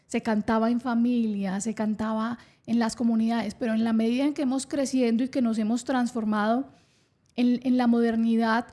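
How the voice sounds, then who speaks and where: A woman's voice: fairly high pitch, little pitch movement, normal speed, dark tone. A woman hosting a science podcast, explaining with enthusiasm and an occasional laugh. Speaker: podcast host.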